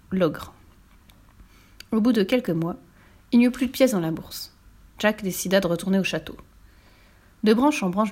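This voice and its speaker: A woman narrating a children's fairy tale aloud, expressive and sometimes dropping to a soft whisper. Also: mid-range voice. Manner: expressive, dips into soft whispers on quiet passages. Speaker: storyteller. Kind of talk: scripted storybook narration.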